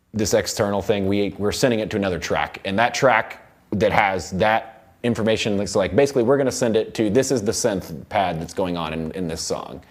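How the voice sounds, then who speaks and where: Working through the software in a studio control room, an American man with a deep voice gives an informal lesson in audio production, talking through every step and frequently thinking out loud.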